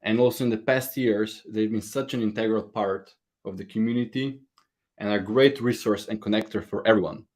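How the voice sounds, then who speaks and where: A man from Slovenia with a lowish, slightly mellow voice gives a prepared conference talk at a moderate pace. He comes across as earnest and a bit nervous, and his grammar slips now and then.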